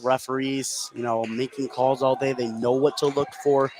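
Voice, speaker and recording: Here the play-by-play announcer speaks at medium pitch with a level tone and normal speed, though his commentary still swells as the game heats up. The setting is an indoor high school basketball gym, and the recording carries plenty of gym noise.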